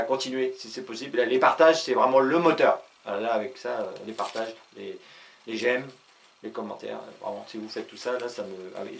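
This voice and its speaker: A man's voice: mid-range voice, creaky, a little hiss or hum. A man hosting his own video channel in a casual comic monologue, rambling with many hesitations and frequent chuckles. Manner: talks fast.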